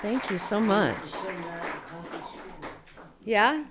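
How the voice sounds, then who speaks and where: Slow-talking woman chatting from a stage. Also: mid-range voice, animated, over loud music. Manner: chatty, explanatory, with many "you know" fillers. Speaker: singer and musician hosting a live show. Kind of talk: casual stage talk to a live audience. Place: barn music venue before a live audience.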